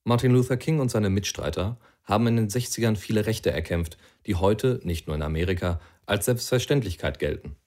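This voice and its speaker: A man with a very low, deep voice reads an essay-like passage aloud. His delivery is earnest and argumentative, pressing his points with a persuasive lift. He reads at an even, steady pace. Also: brisk, few pauses. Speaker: audiobook reader.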